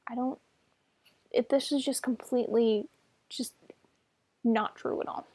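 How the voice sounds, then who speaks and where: A woman's voice: on the high side, steady tone, unhurried, dark tone, no echo. A young woman in her twenties telling a personal story on her vlog, casual and sarcastic, defending herself with lots of filler words.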